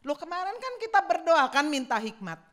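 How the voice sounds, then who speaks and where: A woman voicing her middle-aged husband as a calm, kindly man giving gentle, matter-of-fact advice in a sermon story. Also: high voice, fairly quick, pitched above the performer's own voice. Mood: gentle, coaxing.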